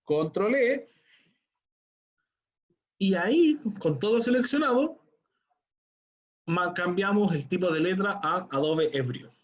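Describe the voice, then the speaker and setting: Speaking slowly with long pauses, this male teacher has a high voice and lively intonation. Through dull lo-fi computer audio, he walks students through an online tutorial step by step, patiently checking on them as he goes.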